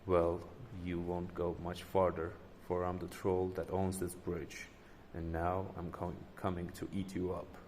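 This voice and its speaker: A man voicing a big, greedy male troll who gloats about eating the goats, in a loud, menacing voice. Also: monotone, unhurried, big-room sound, a little hiss or hum. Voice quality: loud and booming.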